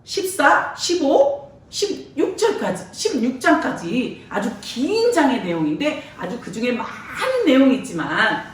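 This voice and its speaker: A woman preacher tells a Bible story to children with a lot of energy and frequent laughter. Her high voice swings widely up and down. She sounds far from the mic, and the church hall echoes heavily around her. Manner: lively, laughing, acts out voices.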